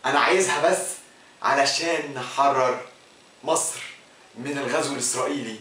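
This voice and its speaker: A young man with an Egyptian Arabic accent hosts a comic Q&A vlog, joking and switching between mock-serious mumbling and loud outbursts. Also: medium pitch, brisk, heavy reverb, recorded from a distance. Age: young adult. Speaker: comedy YouTuber.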